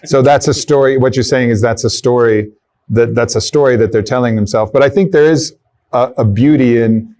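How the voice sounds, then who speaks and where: A man's voice: mid-range voice, fairly quick, a little mellow, recorded from a distance. A man hosting an interview, speaking reflectively and agreeably, sometimes searching for words. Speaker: podcast host. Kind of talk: interview conversation.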